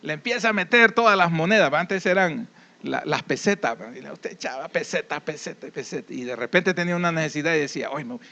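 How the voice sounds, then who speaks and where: A man's voice: a little high, lively intonation, fast, gravelly, bright, forceful tone, highs cut off. A man with a Salvadoran accent preaching a sermon in a conversational way, telling folksy stories and checking in with tag questions.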